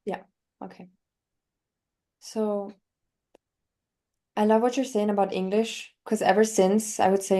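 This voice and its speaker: Her voice is warm and medium-pitched as this twenty-something coach, raised in Northern Italy with German as her first language, talks language learning in an interview. She walks through her method step by step, eager and explanatory, using examples.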